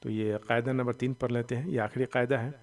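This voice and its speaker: A man teaching Quran reading, slowly sounding out letters and syllables, drawing out the long vowels, with a voice that cracks when he strains it. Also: mid-range voice, steady tone, far from the mic. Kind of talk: Noorani Qaida recitation lesson.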